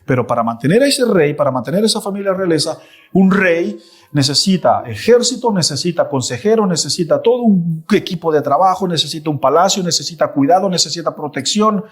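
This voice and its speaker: A man giving voice to God, calm and sovereign, speaking with firm, measured authority. The voice sits a little high for a man, and it stays close to a preacher's own plain speech. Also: lightly acted.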